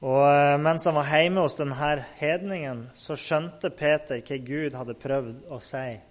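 A man with a somewhat high voice retells a Bible story in a relaxed, unscripted way. He pauses with fillers and restarts as he goes. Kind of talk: casual Bible story narration.

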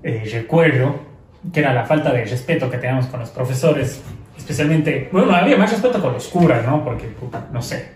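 Un hombre joven con acento ecuatoriano que cuenta historias con soltura y tono relajado, imitando sonidos al narrar. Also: male voice, mid-range voice, a little fast. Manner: lively, relaxed storyteller, imitates sounds. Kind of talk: casual chat, storytelling. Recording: roomy echo, distant mic, faint noise.

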